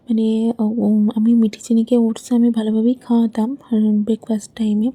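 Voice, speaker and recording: A woman's voice: on the high side, monotone, warm tone, no room sound. A young woman, a mother of two little girls, chatting casually at home as she vlogs her day, rambling with lots of fillers. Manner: chatty, rambling, fills pauses with "I mean". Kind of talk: casual home vlog narration. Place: at home, bedroom and kitchen.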